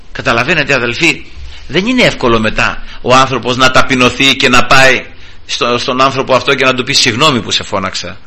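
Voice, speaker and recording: A male preacher delivers a fervent sermon, his voice strikingly bright and ringing. He talks in halting bursts and keeps addressing the congregation as brothers. His delivery leaps from low and quiet to high and loud. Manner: fervent, swings sharply up and down in pitch and volume; addresses listeners constantly as brothers, halting restarts.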